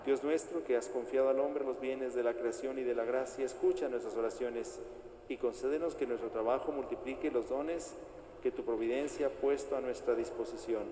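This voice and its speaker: A man speaking as a priest at Mass, reciting liturgical prayers in a solemn, formal, measured way in an echoing church. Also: medium pitch, fairly even intonation, dark tone. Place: large reverberant church interior. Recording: echoey church hall, long reverb, noisy.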